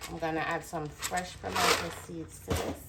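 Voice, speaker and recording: Her voice sits on the low side and is creaky, with a steady tone at normal speed, as this vlog host casually talks viewers through a cooking demo. Picked up far from the mic in a roomy space, it has music behind it and heavy background noise.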